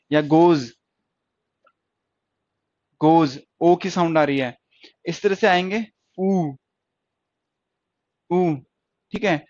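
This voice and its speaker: A man's voice: high voice, a little mellow, no echo. A man teaching stenography in a lecture, who stretches out long vowel sounds for his students and keeps checking that they follow. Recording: dry, dull lo-fi recording.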